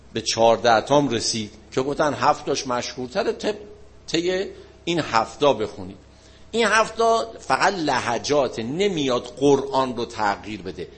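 A man giving an informal religious lesson, explaining points and asking and answering his own questions. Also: mid-range voice. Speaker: religious teacher.

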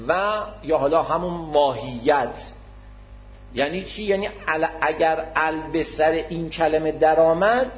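Fairly high-voiced man lecturing patiently. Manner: patient, repeats key terms; modest, addresses listeners formally. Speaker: religious lecturer. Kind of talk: explanatory religious lecture. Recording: dull lo-fi recording.

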